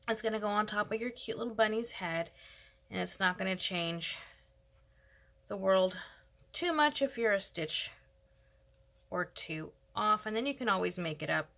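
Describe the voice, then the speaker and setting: Bright, gravelly-voiced woman teaching crochet. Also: medium pitch, a little slow, pauses often. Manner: chatty, relaxed, thinking aloud with fillers. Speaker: crochet tutorial host. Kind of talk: casual step-by-step craft tutorial.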